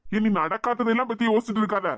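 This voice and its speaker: A man voicing a fast, high-voiced consoling brother. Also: steady tone, a bit bright, no room sound, clean studio sound. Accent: Kanyakumari Tamil. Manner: earnest, reassuring. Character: consoling younger brother, earnest and firm. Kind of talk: cartoon web series dialogue. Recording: dull lo-fi sound.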